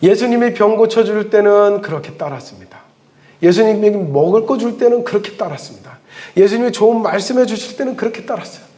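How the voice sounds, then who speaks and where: A man preaching a sermon as a pastor in church, telling the story with animated delivery and dramatic pauses. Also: high voice.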